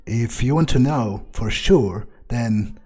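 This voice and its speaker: A man role-plays his character while playing a game, improvising in-character commentary in a hesitant, musing and sardonic manner. His mid-range voice is slow, warm and husky.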